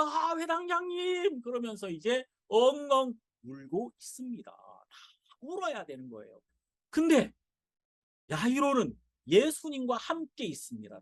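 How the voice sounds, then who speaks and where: A male pastor giving a sermon and telling the story in a dramatic, animated way. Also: high-pitched, dry recording, studio quality.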